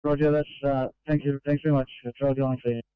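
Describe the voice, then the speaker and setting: A man on a crew at an emergency scene, talking over a two-way radio in halting radio procedure with fillers. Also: medium pitch, little pitch movement, clean tone, dry recording. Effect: heard over a two-way radio. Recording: muffled two-way radio transmission.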